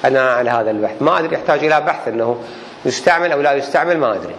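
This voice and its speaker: A man teaching a grammar class as a religious teacher, explaining slowly and deliberately with examples. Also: mid-range voice, fairly bright tone. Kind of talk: classroom lesson on Arabic grammar. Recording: reverberant hall, faint background noise.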